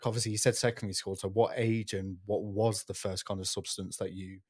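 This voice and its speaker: Lowish male interviewer, casual, filler-heavy questioning. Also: level tone, a little fast, darkish tone, husky. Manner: loose, filler-heavy questions with many likes and kind-ofs. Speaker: guest interviewer.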